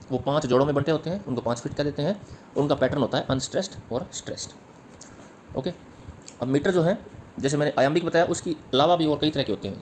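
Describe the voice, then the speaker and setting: A man's voice: a little high, darkish tone, a little hiss or hum. A man teaching literature in an exam-prep lecture. He explains step by step, repeats key points and taps out rhythms aloud. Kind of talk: exam-prep lecture mixing Hindi and English.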